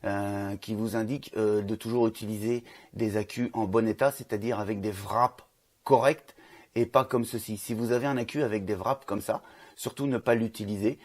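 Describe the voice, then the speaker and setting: A man's voice: fairly low pitch, fairly even intonation, moderate pace. Chatty man unboxing a vape. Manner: chatty, many fillers and restarts. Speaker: vape reviewer. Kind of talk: casual unboxing review.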